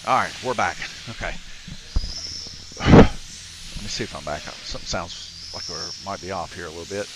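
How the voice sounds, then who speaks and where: A man's voice: low voice, normal speed, pauses often, heavy background noise. A man giving casual, chatty live race commentary at a slot car raceway, with many filler words. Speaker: race commentator and track host. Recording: music playing underneath.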